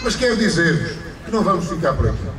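Emphatic Portuguese mayor over an echoing PA. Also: male voice, a little high, sing-song, quick pace, noisy background. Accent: European Portuguese. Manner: emphatic oratory with repeated phrases and rising stresses. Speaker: mayor giving a speech. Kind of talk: formal public speech. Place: outdoors under an awning at a ceremony. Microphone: stand microphone through a PA, filmed from afar. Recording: PA echo outdoors, distant camera, crowd.

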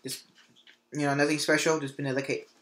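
A man's voice: a little high, flat delivery, fairly quick, heavy background noise. A young man chatting casually in a home kitchen, rambling and repeating words as he thinks. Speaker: vlog co-host. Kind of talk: casual chat.

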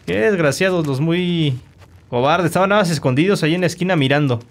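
A man commentating his own gameplay, animated and quick to shout insults at enemies. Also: on the high side. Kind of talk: let's play commentary.

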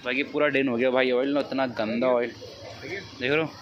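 A chatty young motovlogger narrates fast to his phone camera outdoors at a noisy bike service shop, constantly calling viewers "bhai." His mid-range voice stays fairly even, and the audio's highs are cut off.

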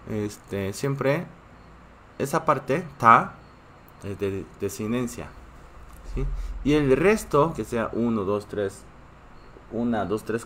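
A man's voice: mid-range voice, a bit bright, a little hiss or hum. A man who is a native Korean speaker, teaching a live online class in a patient way and often checking in with his students. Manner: reads chat and greets viewers.

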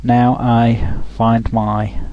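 A man talking through a software tutorial over a screen recording, thinking aloud with frequent restarts. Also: mid-range voice, level tone, very slow, no echo, dull audio.

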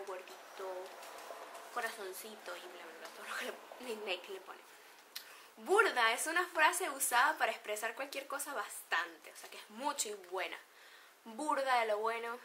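Laughing often, a Venezuelan-accented woman who makes beauty vlogs chats casually to camera about slang. Her pitch is fairly high and her delivery animated at a moderate pace, with noise in the background.

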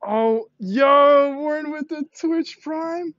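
A young man live-streaming outdoors on a college campus from a selfie stick, excitable and slangy, laughing often and swearing, out of breath and sweaty after push-ups. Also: very high-pitched, slow, dry recording, muffled recording. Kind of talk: casual live-stream chat. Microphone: selfie stick tripod.

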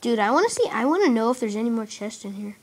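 A woman giving excitable, giggly casual commentary while playing a game, shrieking when startled. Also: fairly high pitch, fast. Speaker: gameplay commentator. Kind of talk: casual let's-play chatter.

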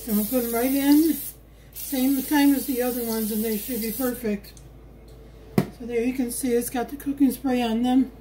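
A woman's voice: on the high side, steady tone, normal speed, noisy background. A woman talking viewers through her home cooking in a homey, chatty way, recorded on a phone in her kitchen. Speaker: home cook vlogger. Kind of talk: casual cook-along narration. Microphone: phone camera held while cooking.

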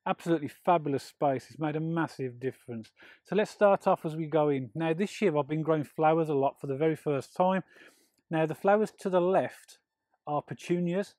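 A middle-aged man with a fairly high speaking voice talks through a garden tour, friendly and explanatory. The sound is dry and close, with no room echo around it. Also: fairly quick. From England. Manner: friendly, explanatory, steady walkthrough. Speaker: allotment gardening channel host. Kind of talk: walking garden tour with tips. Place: outdoor allotment and polytunnel.

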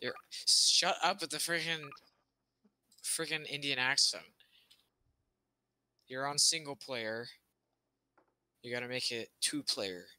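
A man in a casual gaming chat, talking fast and bossy with plenty of fillers. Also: mid-range voice, pushed and bright. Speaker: gamer. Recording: noisy mic with clicking.

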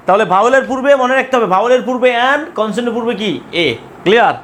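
High-voiced man teaching grammar. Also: animated, fast, fairly bright tone, a little hiss or hum. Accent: Bangladeshi. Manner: asks questions and repeats words drilling students. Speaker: English teacher. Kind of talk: classroom grammar lesson.

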